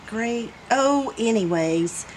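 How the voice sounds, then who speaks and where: A woman's voice: on the high side, expressive, slow, a little mellow, slight background noise. A woman voicing Taz, a boastful old male creature who tells a folksy story.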